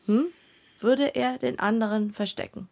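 In a radio play, an actress voices an insistent, earnest wife, coaxing and directing with emphasis. Her female voice sits on the high side, husky and creaky yet a little mellow, and she speaks unhurriedly.

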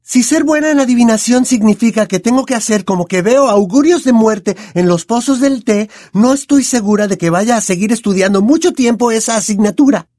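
A man's voice: extremely high pitch, brisk, few pauses, darkish tone, no room sound, clean studio sound, pitched above the performer's own voice. Hermione, a man doing a prim know-it-all girl. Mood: superior, calm. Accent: Latin American Spanish. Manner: prim, precise and self-assured.

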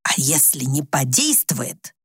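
A woman voicing a coarse, scheming older village woman with a hoarse voice, who scolds bluntly. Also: rumbling low, big pitch swings, slow, no room sound, clean studio sound, pitched below the performer's own voice, heavily acted. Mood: conspiring.

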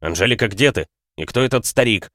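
A man's voice: lowish voice, expressive, fairly quick, a bit bright, no echo. A man reading the part of a dead man's aggrieved ghost, whose voice comes through a telephone speaker in an audiobook. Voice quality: accusing, aggrieved. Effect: heard over a telephone speaker. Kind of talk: audiobook narration.

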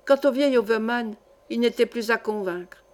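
A woman reading a classic adventure novel aloud as an audiobook, measured and clear. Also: fairly high pitch. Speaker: audiobook reader. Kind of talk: scripted novel narration.

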